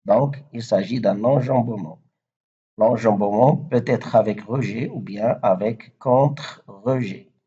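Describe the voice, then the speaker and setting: A man teaching French verse meter, speaking slowly and methodically with frequent fillers. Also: fairly low pitch, dark tone, husky, dull audio. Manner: slow, methodical, with repeated fillers. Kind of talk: explaining French poetry meter.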